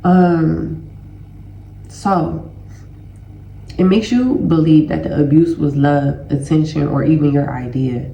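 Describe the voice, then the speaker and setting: Slow and low-pitched, with vocal fry, long pauses, and a dark tone, a woman nursing a stuffy nose and sore throat talks casually to viewers as a healing educator and host, calling them "y'all." The audio has the highs cut off, a roomy echo, and slight background noise.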